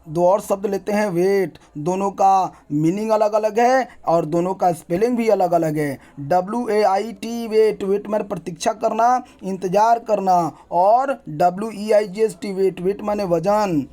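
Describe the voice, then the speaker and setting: A young man teaching an English grammar lesson, spelling out words letter by letter and explaining them in a brisk, repetitive teacherly way. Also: high-pitched, mellow.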